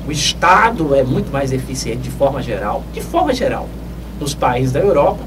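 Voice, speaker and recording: In a small dark radio studio, a studio mic on a boom records from a distance, leaving clear background noise. The speaker, an older man from Northeast Brazil, hosts an advice show and answers listener questions, lecturing in a measured way with emphatic rises, his mid-range voice very animated.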